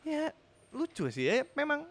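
A man in his thirties with a Sundanese accent, co-hosting a casual podcast chat, lively and quick to laugh. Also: very high-pitched. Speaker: podcast co-host.

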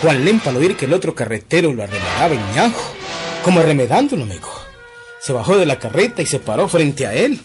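A man's voice: a little high, big pitch swings, quick pace, over music. A man telling a comic folk tale in a folksy manner, addressing the listener as a friend. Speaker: storyteller.

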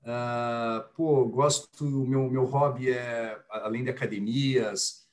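A man in his forties from Curitiba, Brazil, with a Curitiba Brazilian Portuguese accent, a podcast guest talking in a relaxed, friendly, chatty way. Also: mid-range voice, slow pace. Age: 40s. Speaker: podcast guest, business executive. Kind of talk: casual podcast chat.

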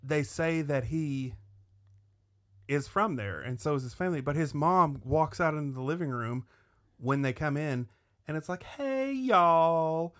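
A man co-hosting a casual podcast chat, ranting sardonically with plenty of swearing and a steady stream of fillers. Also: fairly high pitch, moderate pace. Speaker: podcast co-host.

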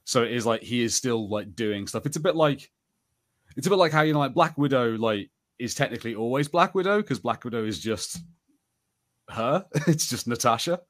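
A podcast co-host chats casually about TV shows, rambling conversationally and saying "like" a lot. His mid-range voice is animated and moves at a normal speed.

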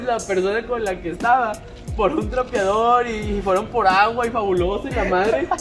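A man with a Mexican Spanish accent telling a rowdy anecdote in casual, swearing chat, loudly acting out what people said. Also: extremely high pitch. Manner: animated, swearing, acts out quotes loudly. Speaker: podcast co-host telling an anecdote. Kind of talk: casual storytelling among friends.

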